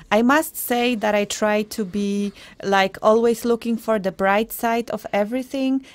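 A woman's voice: mid-range voice, darkish tone, no room sound. Upbeat young woman radio co-host. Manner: upbeat, reflective. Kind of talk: casual live radio chat. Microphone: studio microphone.

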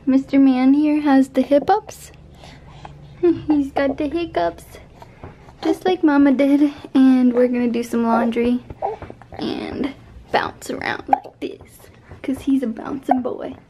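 A woman's voice: high voice, mellow, slight background noise, poor audio. A young woman, a new mother, vlogging casually at home and cooing at her baby while she talks to the camera. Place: home nursery.

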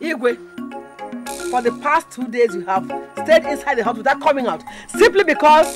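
A woman's voice: sits high, animated, normal speed, loud music behind the voice. A middle-aged woman with a Nigerian accent playing a vengeful, scornful king's wife, imperious and threatening, in a village epic film. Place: outdoors by thatched huts.

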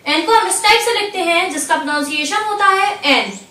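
A woman teaching a language lesson, going slowly and patiently through each letter and repeating it. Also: very high voice, pushed and bright, reverberant, recorded from a distance.

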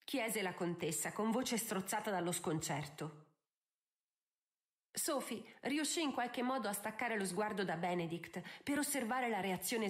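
A woman narrating a novel in an audiobook, measured and expressive. Her voice sits at a middle pitch. She moves through the scenes with clear, steady storytelling.

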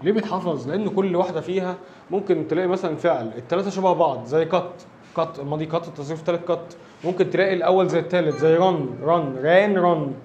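A man's voice: fairly high pitch, racing, a little mellow, lo-fi sound, slight background noise. A man with an Egyptian Arabic accent teaching an English grammar lesson, explaining step by step and often checking that his listeners follow.

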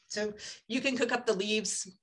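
A foraging guide, an older woman, gives an informal slide presentation indoors, picked up by her webcam on a video call. Her voice is mid-range and fairly bright at a normal speed, and her chatty enthusiasm comes with frequent ums.

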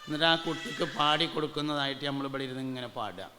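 A male preacher, giving a storytelling sermon and now and then slowing into chanted devotional verses. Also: mid-range voice, pushed and bright, long reverb tail, a little hiss or hum. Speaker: Islamic preacher.

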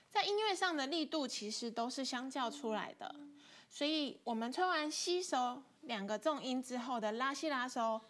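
A woman's voice: high-pitched, fairly bright tone. A woman teaching an online flute class, patiently explaining technique step by step. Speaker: music teacher. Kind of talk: online instrument lesson.

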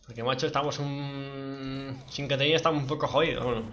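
A man giving live gameplay commentary, excitable and swearing a lot as he talks to his teammates. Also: medium pitch, fairly quick, lo-fi sound, slight background noise. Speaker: livestreaming gamer.

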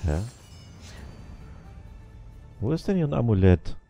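A man's voice: mid-range voice, sing-song, takes it slowly, vocal fry, dark tone, no room sound, faint music behind. A man casually commenting while playing a video game, muttering to himself and talking to the characters on screen. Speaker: let's play gamer.

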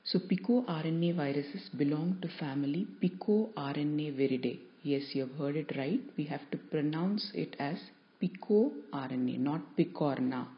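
A woman with a notably low voice gives a recorded lecture to students. She speaks in a measured, explanatory way and leans on key terms. The sound is dull and a bit lo-fi.

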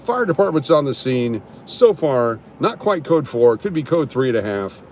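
A chipper mock TV reporter, as a man puts on his newscaster voice, delivering a formal on-the-scene report at an ordinary middle pitch. He is outdoors on a city street, with faint traffic noise behind him. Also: sing-song, moderate pace, close to an everyday voice. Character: mock male TV news reporter, upbeat.

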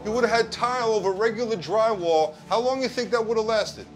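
A man's voice: high voice, fairly quick. Blunt, confrontational male co-host. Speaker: co-host, contractor expert. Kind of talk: heated confrontation. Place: house under renovation, indoors. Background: background music.

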